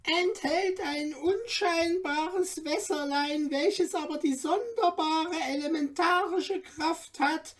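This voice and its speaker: A woman voicing a tiny, courteous and excitable male dwarf guide in a storybook reading, speaking in an ornate, eager way. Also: takes it slowly, few pauses. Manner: ornate, polite, squeaky and eager.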